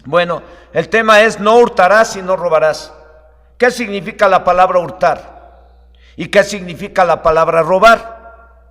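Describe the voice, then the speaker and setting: Pastor preaching in a reverberant hall. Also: male voice, sits high, measured pace. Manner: starts calm, then fervent, raising his voice to preach. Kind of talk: online sermon and prayer.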